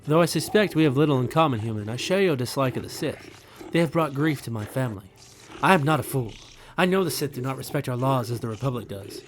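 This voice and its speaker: A man voicing a solemn, proud fish-like alien father from a space game in formal, measured phrases. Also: medium pitch, expressive, a little hiss or hum, natural voice. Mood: grave, formal.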